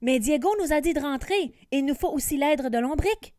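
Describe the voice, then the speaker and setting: A woman's voice: sits high, lively intonation, brisk, dry recording, studio quality, voice pushed up. A woman voicing an anxious young boy who pleads with his friends, in a storybook reading. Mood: worried. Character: worried young boy dragon master.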